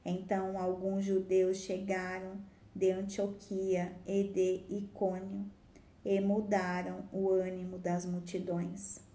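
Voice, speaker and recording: A woman reading a Bible passage aloud in a measured, steady way. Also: mid-range voice. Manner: measured, steady delivery with small slips. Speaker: scripture reader. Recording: roomy echo.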